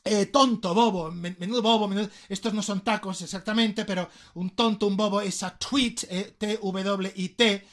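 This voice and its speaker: A man from Spain with a light, high voice gives a relaxed, joking lesson. He switches freely between two languages, spells words out letter by letter, and keeps checking in with his listeners. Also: normal speed, few pauses. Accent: Spain Spanish. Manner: playful, mixes Spanish and English, spells words out. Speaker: English teacher.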